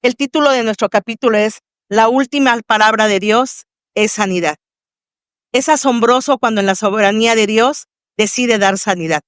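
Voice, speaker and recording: A woman's voice: fairly high pitch, normal speed, no room sound, clean studio sound. Mexican woman hosting a faith podcast. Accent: Mexican Spanish. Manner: warm, devout welcoming address to the audience. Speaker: podcast host. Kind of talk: faith testimony interview.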